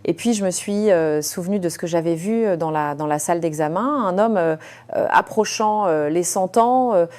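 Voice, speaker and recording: A woman with a fairly low, slightly mellow voice shares a first-person account as a surgeon. Her telling is confiding and measured, punctuated by frequent hesitant fillers.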